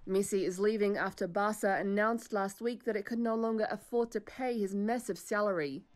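A woman's voice: medium pitch, fairly even intonation, a little fast. A woman reporter reading a scripted news voice-over.

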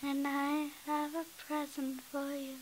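A woman's voice: high voice, monotone, slow pace, poor audio. A young woman improvising a princess role-play in a video game, with a dramatic, play-acting delivery. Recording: hissy home screen-capture recording.

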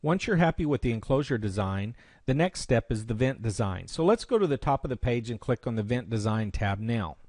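In an instructional screencast, a man with a medium-pitched voice walks a learner through software one step at a time. He sounds animated and talks fairly quickly with few pauses, and the audio is dry with very little room.

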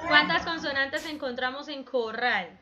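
Woman, schoolteacher, patient, questioning, slow, muffled lo-fi sound. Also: high-pitched, bright, forceful tone. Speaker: primary school teacher. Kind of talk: online class explanation.

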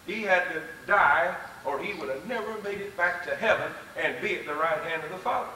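A man preaching a fervent, folksy sermon with soft chuckles, recorded live in a hall on old videotape. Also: sits high, fairly quick, a little hiss or hum. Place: church or lecture hall. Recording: distant, roomy live VHS recording.

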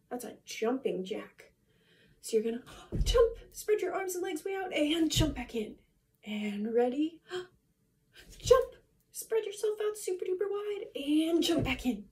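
A young woman speaks in a high, mellow voice like a kids show host leading little ones through exercises. Her delivery is sing-song and encouraging, with simple, friendly instructions. She sounds slightly distant from the microphone in a home room. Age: young adult. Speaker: children's yoga teacher. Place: small apartment room, indoors. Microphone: phone camera a few steps away.

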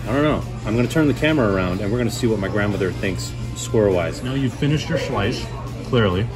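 A man's voice: on the low side, animated, fast, music in the background. A man in his thirties hosting a casual food review in a restaurant, chatty and enthusiastic. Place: restaurant booth indoors.

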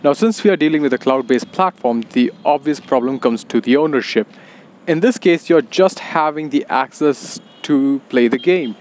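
A man's voice: fairly high pitch, a little mellow. A man with an Indian accent recording a video game commentary voice-over outdoors on a rooftop. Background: wind and urban background noise.

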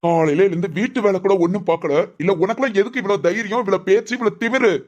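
A quick-tempered husband from a family cartoon, voiced by a performer. He scolds his wife with one demanding question after another. His pitch stays in the middle and he talks fast. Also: muffled recording, lightly acted. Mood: angry. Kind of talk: animated family cartoon dub.

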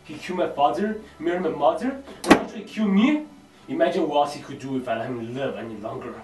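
A young man playing a scheming, vengeful young mob heir named Hamlet, speaking defiantly in an amateur drama, recorded in an echoey room with loud music behind. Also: fairly high pitch, lively intonation, fast, far from the mic, close to an everyday voice. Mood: angry. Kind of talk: amateur crime drama acting. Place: indoor house room.

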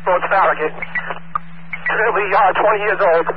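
Man on tinny, noisy police radio. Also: high-pitched. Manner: clipped radio calls, urgent, rushed. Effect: police radio transmission. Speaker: police sergeant in pursuit. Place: patrol car on the street.

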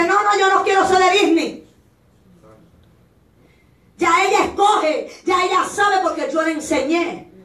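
A woman evangelist delivers a fiery Pentecostal sermon in a very high voice, often breaking into shouts. She is heard from some distance in an echoey church hall. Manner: impassioned, shouting at peaks, acts out voices of others. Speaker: evangelist preacher.

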